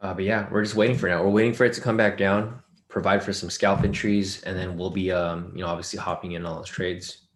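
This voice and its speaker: In an echoey room, a man runs a live trading lesson over screen share, loosely covering charts and chat questions with lots of fillers. His low voice is steady and a little fast but worn from long sessions, and he is losing it.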